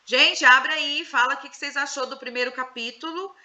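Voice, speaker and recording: A Brazilian woman with a very bright, forward tone and a fairly high voice runs an online group session. She asks questions, prompts the others to chime in, and explains things in a relaxed, conversational way. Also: brisk. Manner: questioning, coaxing participants to speak. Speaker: psychoanalyst leading a women's group session. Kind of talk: casual guided group discussion.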